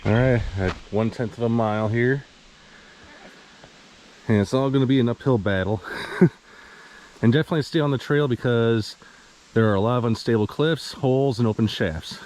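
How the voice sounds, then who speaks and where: A man's voice: medium pitch, normal speed, pauses often, a little mellow. Casual male hiking vlogger, Midwestern American accent, chuckling and rambling, slightly breathless, faint outdoor background noise. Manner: rambling, chuckling, hedging with fillers. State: a little out of breath. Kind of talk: casual vlog narration while hiking. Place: outdoors on a wooded hiking trail.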